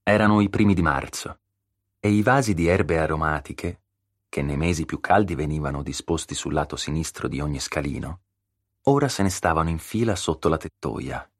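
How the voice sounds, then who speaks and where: Brief: very deep male audiobook narrator, measured and steady, dry close studio mic. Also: no room sound. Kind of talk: scripted narration.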